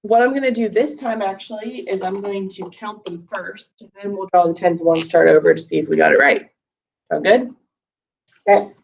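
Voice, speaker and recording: Her mid-range voice is gravelly and moves at a normal speed, a touch scratchy from allergies. She is teaching first graders math in a recorded lesson, counting aloud with patience, and the lo-fi audio has her sitting a bit back from the mic.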